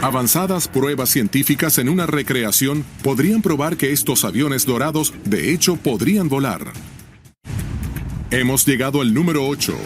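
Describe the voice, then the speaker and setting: A man with a mid-range, animated voice and normal speed delivers scripted narration styled like a nature documentary. Music runs behind him as he builds drama and intrigue, frequently posing questions.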